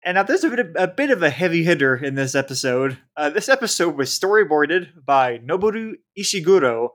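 Laughing frequently, a man hosts a casual podcast and trips up a little as he reads out the episode credits. His voice is fairly high and bright, with big pitch swings and a fairly quick pace.

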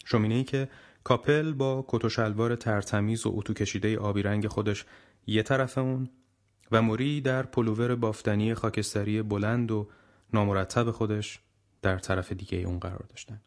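Low-voiced man narrating an audiobook. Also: steady tone.

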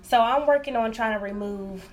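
A woman's voice: a little high, moderate pace. A woman co-hosting a podcast in casual chat, speaking in a confiding, reflective and informal way. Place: room in a library.

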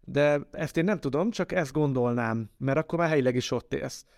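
A man's voice: mid-range voice, darkish tone, no room sound, clean studio sound. A man hosting a casual interview, thoughtfully building long questions step by step. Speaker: podcast interviewer, host.

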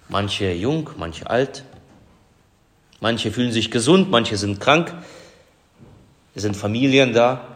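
A male pastor preaches in a church, taking his time over each phrase and lifting his voice for emphasis. His voice sits at an ordinary middle pitch. The church's long reverb trails after every line. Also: fairly bright tone. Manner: slow, measured preaching with emphatic rises. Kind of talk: sermon.

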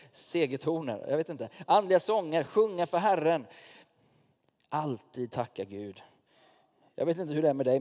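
A man's voice: fairly high pitch, a little mellow. A man preaching as a pastor in a church, talking informally and directly to the congregation and telling personal stories. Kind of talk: sermon. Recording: long reverb of a church hall.

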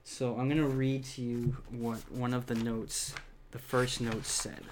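A man's voice: mid-range voice, little pitch movement, unhurried, slight background noise. A man reading a children's horror book aloud, breaking off with laughs and casual asides. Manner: laughing asides, many fillers. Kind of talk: casual read-aloud with commentary.

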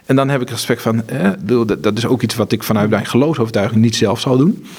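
A man with a husky, slightly rough voice speaks at a middle pitch. He tells earnest, faith-driven stories in an interview, often restarting his sentences. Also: quick pace, darkish tone. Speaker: charity director. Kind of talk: conversational interview.

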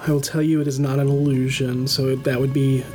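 A game master narrating a tabletop game in measured phrases with dramatic pauses. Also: mid-range voice, level tone, over music.

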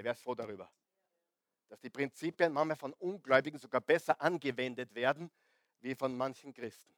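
This is a middle-aged man, a pastor, giving a spirited sermon at medium pitch. He keeps asking the congregation questions and alternates between loud and soft delivery, captured in a dry recording.

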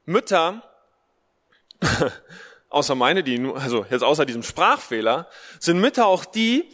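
At a measured pace, a man with a somewhat high, bright voice and big pitch swings preaches conversationally for a Mother's Day livestream. He is from a Russian-German family in Germany; a speech impediment leaves his R unrolled, he repeats short phrases for emphasis, and long hall reverb colors the sound.

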